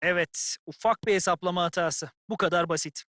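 An actor playing an opinionated football pundit in a video game, giving analytical colour commentary in full sentences. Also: male voice, high voice, fairly even intonation, fairly quick, sharp tone, no echo, clean studio sound. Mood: assessing.

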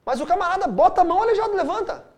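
Animated Brazilian pastor teaching. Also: male voice, very high-pitched, rapid-fire. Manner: animated storytelling with wide swings of loudness. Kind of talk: Bible study teaching.

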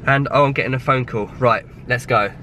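A man's voice: mid-range voice, a little fast, pushed and bright, a little hiss or hum. A young man, rambling casually to the camera in a vlog, sounding a bit ill with a blocked nose. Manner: rambling, chatty. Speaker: vlogger.

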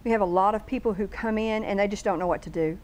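Lady guest on local tv, earnest, runs through lists of questions, middle pitch. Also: fast talker, a little mellow, a little hiss or hum, poor audio. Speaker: homeschool bookstore guest. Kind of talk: casual TV interview chat. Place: local TV studio.

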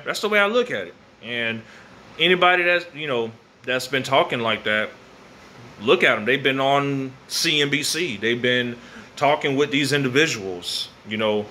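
A man's voice: mid-range voice, sharp tone. An American man in his thirties rambling casually to camera in slang, repeating phrases for emphasis, on a phone held at arm's length in an open garage. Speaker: vlogger. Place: open garage at night, windy weather. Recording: noisy phone recording with outdoor ambience.

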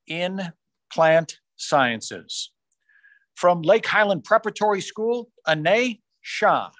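A man formally reading out science fair award winners on a video call, rising in pitch on each school name. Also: animated, a bit bright, no room sound. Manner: measured, formal announcing, rising on school names. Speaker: awards announcer. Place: small room on a video call. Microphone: video call microphone.

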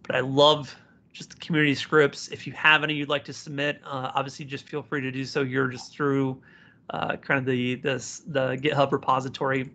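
A man giving an informal live software tutorial, speaking to learners directly and encouragingly as their instructor. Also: medium pitch, little pitch movement, normal speed. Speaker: software instructor, community presenter.

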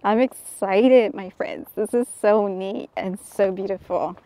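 A woman's voice: medium pitch, measured pace, vocal fry, dark tone, dry recording. Chatty woman vlogging on a trail. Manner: chatty, exclaims often, drops to whispers. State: out of breath. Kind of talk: casual walking vlog. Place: outdoors on a hiking trail.

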